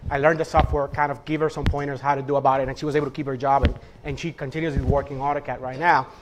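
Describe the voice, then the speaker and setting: A man's voice: mid-range voice, flat delivery, quick pace, background noise. A man with a Dominican-New York accent giving an earnest, rambling guest talk to a class about his job as a CAD and GIS manager. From Dominican Republic, raised in New York. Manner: earnest, rambling with many restarts.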